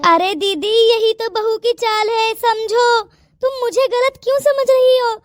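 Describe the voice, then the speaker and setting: Sarla, a squeaky cartoon voice as a sickly old mother-in-law. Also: steady tone, unhurried, no echo. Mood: pleading. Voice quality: hoarse from a dry throat. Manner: pleading, complaining. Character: sickly older mother-in-law, scheming and whiny. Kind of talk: Hindi cartoon voice acting.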